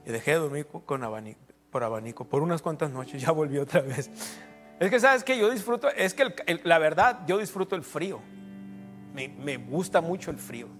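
A middle-aged man preaching in a loose, joking manner, with frequent prayers and amens slipped into his talk. His voice sits a little high for a man. Soft instrumental music plays quietly behind him. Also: lively intonation, brisk. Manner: informal, joking asides with prayer interjections. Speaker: pastor. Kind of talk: sermon.

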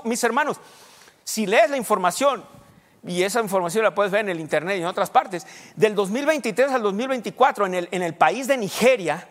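Male pastor, high voice, sermon in a reverberant church hall. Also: a bit bright. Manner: preaching with questions to the congregation, rushed bursts. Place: church sanctuary.

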